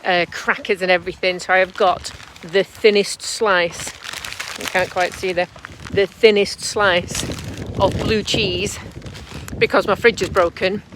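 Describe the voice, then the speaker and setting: A woman's voice: medium pitch, steady tone, unhurried, a bit bright, slight background noise. A woman chatting casually in a travel vlog, rambling and self-deprecating. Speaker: vlogger. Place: camper van and outdoors.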